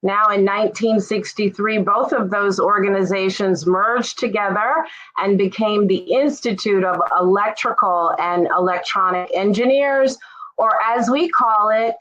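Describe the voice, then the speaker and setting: A woman from Jamaica giving an informal, friendly presentation on a webinar, often pausing with "um". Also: mid-range voice, lo-fi sound. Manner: friendly, relaxed, lots of "um" fillers. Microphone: video call.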